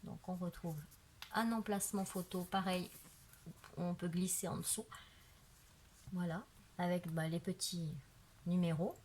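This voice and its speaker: Filmed on a tripod-mounted camera, this craft video maker flips through her handmade album in a relaxed show-and-tell, sprinkling in "voilà" and "euh." She speaks unhurriedly in a fairly low, darkish, fairly even voice with long pauses and slight background noise.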